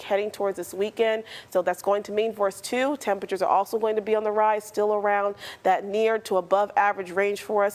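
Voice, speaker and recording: A woman delivering a TV weather forecast in a fast, even, somewhat repetitive way. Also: medium pitch. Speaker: TV meteorologist.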